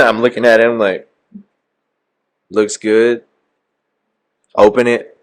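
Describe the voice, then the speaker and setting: A man's voice: on the low side, little pitch movement, normal speed. A young man casually telling a profane story about a night out. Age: young adult. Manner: profane, laid-back storytelling.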